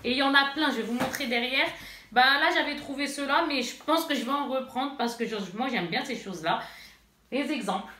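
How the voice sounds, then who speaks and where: Woman, mother, casual unboxing vlogger; high, bright voice, rambling, talks to viewers; roomy bedroom sound. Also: fairly quick, a little hiss or hum. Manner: chatty, rambling, speaks straight to viewers. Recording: echoey room.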